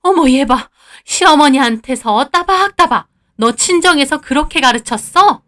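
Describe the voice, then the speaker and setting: A woman playing a shrill scolding mother-in-law. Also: lively intonation, normal speed, a bit bright. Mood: outraged.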